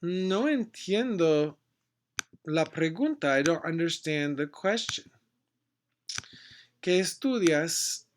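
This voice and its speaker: A man leads a casual language lesson at a very unhurried pace. His slightly raised voice models short phrases one at a time, pausing to explain them in English. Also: a little high, animated, slight background noise. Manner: slow, deliberate modeling of phrases, switching between Spanish and English. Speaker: Spanish teacher.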